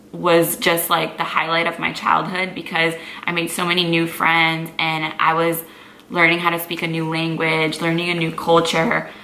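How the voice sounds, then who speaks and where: With vocal fry in a lowish, bright, forceful voice, a Brazilian woman in her twenties, a native Portuguese speaker and lifestyle vlogger, chats to camera in a casual Q&A. She's easygoing and sprinkles "like" throughout; the room echoes, with faint background noise.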